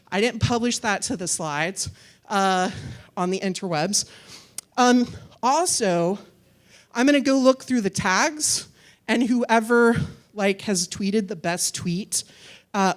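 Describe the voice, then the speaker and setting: Casual chatty woman giving a conference talk. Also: medium pitch. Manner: casual, chatty, plays to the audience. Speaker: conference speaker. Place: conference hall.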